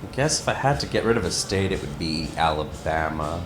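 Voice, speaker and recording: A man co-hosting a podcast, joking in casual chat with deadpan asides. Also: low-pitched, fairly quick, reverberant, over music. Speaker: podcast co-host.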